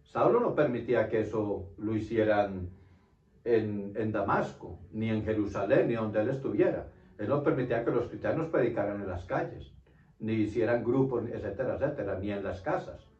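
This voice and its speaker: A man's voice: lowish voice, moderate pace. A man preaching a Bible study sermon, earnest, often repeating himself and checking in with his listeners. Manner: earnest, repeats phrases, tag question "¿cierto?". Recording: roomy, distant, dull lo-fi sound.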